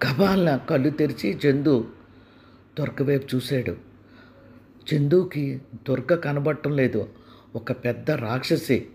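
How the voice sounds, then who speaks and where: Gravelly warm-voiced male storyteller. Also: medium pitch, slow, pauses often. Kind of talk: dramatic story narration.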